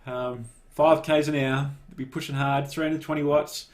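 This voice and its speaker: A man giving relaxed, casual live commentary on a cycling race and cheering riders on by name. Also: a little high, normal speed.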